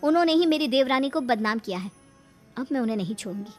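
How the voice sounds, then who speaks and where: A woman plays a young cartoon wife who speaks her mind, firm and indignant. Her voice is high and swings widely, with faint music behind. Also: lively intonation, quick pace. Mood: angry. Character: outspoken young wife, elder daughter-in-law.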